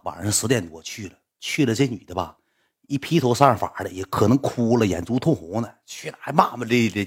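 A young man with a Northeastern Mandarin accent tells a casual story in a rambling way, repeating himself and restarting. His voice is slightly husky, and he talks fast with a lively, swooping pitch.

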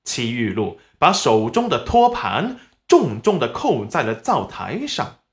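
语速缓慢的有声书旁白. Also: medium pitch. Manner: slow, expressive storytelling. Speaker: audiobook narrator. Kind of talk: web novel audiobook narration.

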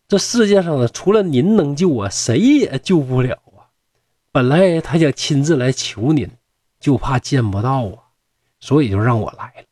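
A man's voice: mid-range voice, lively intonation, normal speed, dark tone, no room sound, natural voice. A man voicing a young fox-spirit man who pleads mournfully for help. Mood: pleading.

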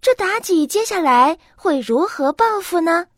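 A woman narrating a classic tale as a storyteller, in a lively, dramatic way. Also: extremely high pitch, unhurried, no echo.

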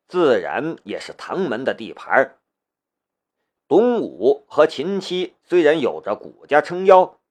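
A man reading a serialized novel aloud. His storytelling is expressive and animated, with a voice a bit higher than most men's. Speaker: audiobook narrator. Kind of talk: scripted novel narration.

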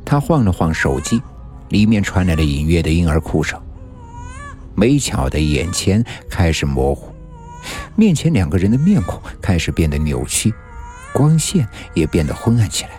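A man's voice: deep voice, sing-song, moderate pace, darkish tone. A man narrating a suspenseful story in a tense storytelling manner. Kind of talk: dramatic story reading. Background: faint music.

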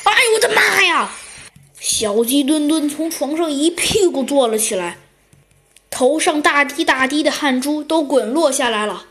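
Female storyteller, high voice, lively children's narration. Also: moderate pace, slight background noise. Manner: lively, expressive.

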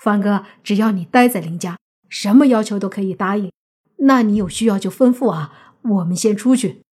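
A woman voicing a fawning young man who flatters in a bright, ingratiating way, husky-toned. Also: medium pitch, moderate pace, lightly acted.

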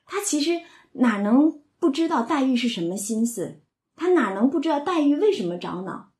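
A woman's voice: high voice, sing-song, normal speed, a little mellow, reverberant. A woman explaining and retelling a classic novel in a conversational way, often slipping into the characters' lines and using many filler words. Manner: retells scenes, slips into quoted dialogue, frequent filler words. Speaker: literature commentator.

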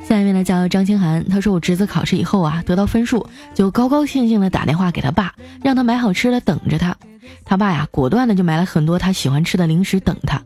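A woman hosts a comedy segment and reads out funny messages from her listeners in a mellow, warm voice. She jumps up in pitch for the quoted lines, laughs easily, and light music plays behind her. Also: quick pace. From China. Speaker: host reading listener jokes. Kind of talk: comedic joke-reading show.

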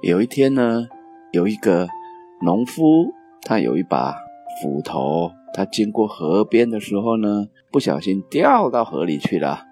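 A man narrating children's stories in an animated way, with sound effects and playful repetition. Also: on the low side, measured pace, soft background music. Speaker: storyteller.

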